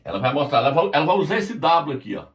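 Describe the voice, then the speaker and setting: A man giving a religious lesson at a whiteboard, explaining slowly and spelling out letters as he points. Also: on the high side, big pitch swings. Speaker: Bible teacher.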